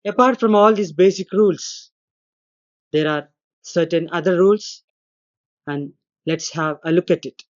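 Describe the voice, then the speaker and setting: A man, a lecturer giving a recorded grammar lesson, explaining slowly and deliberately and acting out the intonation of his examples. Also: high voice, muffled recording. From India. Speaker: English lecturer.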